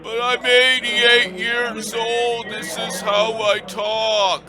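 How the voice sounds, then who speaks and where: Man putting on a slow, drawn-out old man. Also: very high voice, flat delivery, music in the background, heavily acted. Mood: pleading. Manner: stretches his words slowly. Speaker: scam baiter. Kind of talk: prank call role-play.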